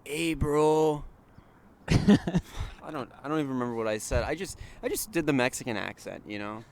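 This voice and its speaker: A man's voice: medium pitch, lively intonation, rapid-fire, vocal fry, clean tone. A young man co-hosting a podcast outdoors at a mall, chatting in a laid-back, slangy way. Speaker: podcast co-host. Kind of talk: casual chat. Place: outdoors at a mall parking lot.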